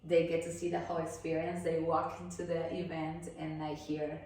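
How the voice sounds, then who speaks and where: A woman's voice: low-pitched, completely flat delivery, normal speed, a little mellow, slight background noise. Woman, echoey distant sound. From Peru. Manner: upbeat, friendly, slightly non-native phrasing. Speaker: guest, event planner. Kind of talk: casual interview chat. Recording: echoey room, mic at a distance.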